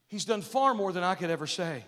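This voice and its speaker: Man, pastor, high voice, sermon to kids, call-and-response questions, loud emphatic peaks, long hall echo. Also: animated, a little fast.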